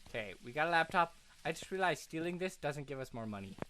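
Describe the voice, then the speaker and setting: An animated streamer in casual gameplay chat, quick to joke and exclaim. The voice is bright and lively, swinging up and down in pitch, with faint noise behind it. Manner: excitable, animated, joking.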